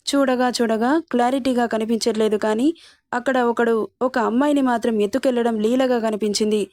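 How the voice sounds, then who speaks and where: A woman narrating a serialized drama story in a steady, dramatic storytelling manner. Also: a little high.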